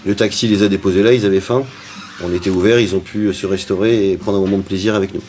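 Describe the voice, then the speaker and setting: A man's voice: low-pitched, fairly even intonation, fast talker, darkish tone, slight background noise. A man who owns and cooks at a restaurant, answering interview questions in a chatty way with frequent hesitations. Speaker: restaurant owner and cook.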